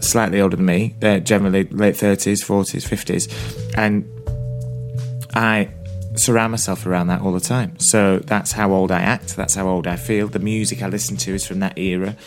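A man's voice: low-pitched, flat delivery, normal speed, faint music behind. A man, chatting casually as a podcast co-host and thinking aloud as he talks. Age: 20s. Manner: rambling, thinking aloud with restarts. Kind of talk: casual chat.

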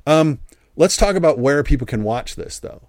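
A man's voice: on the high side, expressive, moderate pace, darkish tone, no echo, clean studio sound. A man with an American accent hosting an interview, chatty and rambling with frequent restarts. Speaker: podcast host. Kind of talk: casual interview chat.

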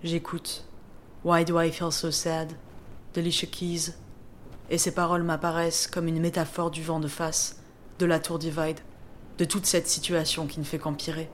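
Woman, low and monotone, introspective diary voice-over, tired and downbeat, close mic. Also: moderate pace, a little hiss or hum. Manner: subdued, reflective, weary. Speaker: narrator of her own bikepacking race diary. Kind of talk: scripted first-person voice-over narration.

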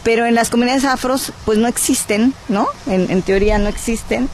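Here the Guerrero cultural advocate sounds fairly high and a little fast, speaking with a Mexican accent as a radio interview guest. Frequent "eh" hesitations break up her earnest, persuasive pleading, over a little hiss or hum.

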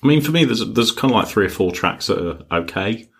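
A man's voice: lowish voice, expressive, fast, fairly bright tone, husky. A man co-hosting a podcast, chatting casually about music news in blunt, dry short replies. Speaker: podcast co-host.

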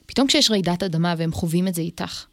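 Woman host asking calm questions. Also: lowish voice. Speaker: podcast host. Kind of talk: interview questions.

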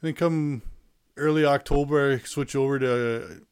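A man with a Canadian accent talking casually as an interview guest, with a hesitant, halting delivery. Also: medium pitch, steady tone, darkish tone, smooth. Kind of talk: casual personal storytelling.

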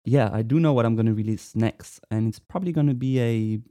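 A man in his twenties from France, a musician talking casually in an interview, relaxed and hesitant with many fillers. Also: mid-range voice, fairly quick, no echo, clean studio sound. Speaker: musician guest.

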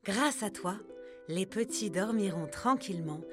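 A woman's voice: mid-range voice, animated, measured pace, over music, close to an everyday voice. A woman voicing a wise old grandmother bear in a children's story, speaking in a soothing, tender way.

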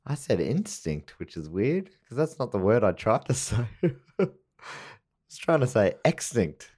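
A man's voice: mid-range voice, sing-song, a little slow, darkish tone. A man co-hosting a podcast, playful and mock-serious, stumbling over long words as he reads. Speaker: podcast co-host. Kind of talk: casual comedic chat.

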